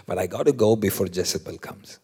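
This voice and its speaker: A man preaching who voices a timid male servant making hurried, quiet excuses. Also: low voice, slightly rough, long reverb tail, voice pushed down. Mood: sheepish.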